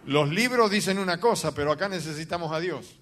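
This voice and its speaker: A man preaching a sermon, telling a story with animated, dramatic bursts of emphasis. His voice sits high for a man and has a bright, forceful edge. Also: fairly quick. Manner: animated, dramatic storytelling with sudden loud outbursts. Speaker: pastor.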